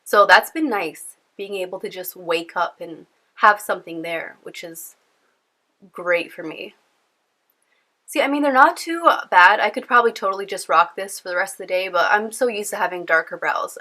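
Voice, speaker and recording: A young beauty vlogger, congested from a cold, chats casually to camera from home in a rambling, filler-heavy vlog. Her stuffed, nasal voice is lowish, bright and forceful, at normal speed.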